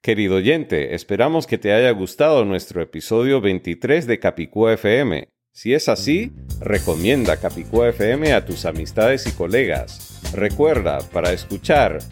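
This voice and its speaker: A man hosting a podcast, reading his script in a measured, precise way. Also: fairly low pitch, a little mellow. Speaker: podcast host.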